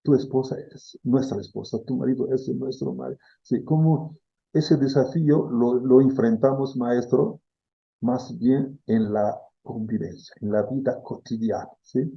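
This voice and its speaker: This middle-aged Congolese philosophy professor, appearing as an interview guest, speaks at a medium pitch with fairly even intonation and a measured pace. His voice is gravelly and slightly rough, heard through lo-fi audio. He explains ideas reflectively and thoughtfully, repeating key words and often checking in with "¿sí?".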